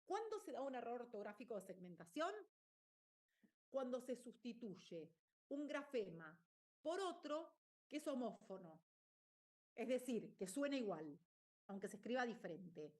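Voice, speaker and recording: A woman's voice: fairly high pitch, very animated, a little slow, a little mellow. A woman teacher, explaining a lesson and often checking in with her listeners. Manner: explanatory, checks in with "¿está bien?". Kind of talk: online lecture.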